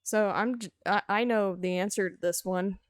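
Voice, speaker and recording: A woman's voice: mid-range voice, fairly even intonation, moderate pace, no echo, clean studio sound. A woman hosting a let's play, chatting casually and joking while she plays. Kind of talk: casual gameplay commentary.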